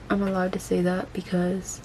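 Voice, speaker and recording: A woman's voice: fairly low pitch, heavy background noise. A woman chatting casually and self-deprecatingly through a makeup vlog, her mouth and jaw swollen after having her wisdom teeth out. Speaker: beauty vlogger.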